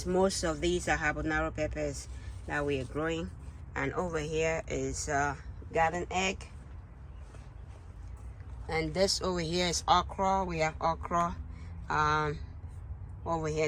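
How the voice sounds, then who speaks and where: A man hosting a casual gardening update in a greenhouse, speaking in a halting, hesitant way. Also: on the high side, fairly bright tone, slight background noise, low-quality recording. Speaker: gardening channel host.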